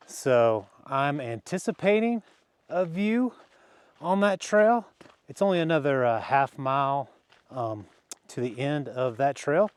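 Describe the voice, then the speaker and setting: A man's voice: medium pitch, no echo. A man vlogging outdoors as he walks a canyon trail, chatting casually with fillers and small laughs. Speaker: hiking vlogger. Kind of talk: casual narration while hiking.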